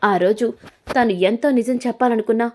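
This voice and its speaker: A woman's voice: on the high side, fairly even intonation, a little fast, darkish tone, lightly acted. A woman voicing a stern grown son. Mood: firm. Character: grown son, firm and accusing.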